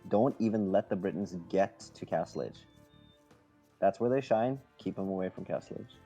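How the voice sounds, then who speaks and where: A man co-commentates a strategy game match in a low, dark, mellow voice. He speaks in a relaxed way and hesitates often with fillers. Faint game music sits behind him. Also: normal speed, husky, lo-fi sound. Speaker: co-caster. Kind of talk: esports commentary.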